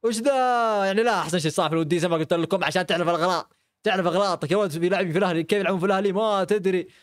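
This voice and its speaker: A man's voice: sits high, rapid-fire, no room sound. Young guy reacting to footy clips, lots of exclaiming, dry close sound. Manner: excitable, exclaims and laughs often. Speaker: football reaction creator. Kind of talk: live reaction commentary.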